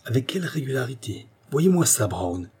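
A man reading an audiobook, voicing a nervous, excitable engineer who shouts in a strained voice. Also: mid-range voice, normal speed, breathy edge, pitched above the performer's own voice. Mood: elated. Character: excitable male engineer-inventor, nervous and furious. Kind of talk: audiobook character voice.

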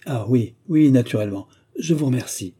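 Guy doing a flustered baron, pushy questions, dark and husky. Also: mid-range voice, expressive, moderate pace. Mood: anxious. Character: anxious elegant male baron, flustered and pressing.

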